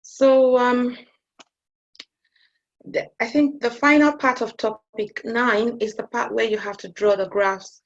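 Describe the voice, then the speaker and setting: A woman's voice: on the high side, steady tone, slow, lo-fi sound. A woman maths teacher giving an online lesson, talking hesitantly and often checking in with her students.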